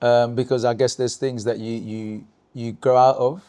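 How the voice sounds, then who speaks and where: A man's voice: mid-range voice, normal speed, clean tone. A man, a breakdancer, tells stories from his battling days in a casual interview, full of restarts and "you know", sometimes acting out his own lines. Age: adult, looking back on youth. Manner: animated storytelling, many restarts and "you know". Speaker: guest, breakdancer.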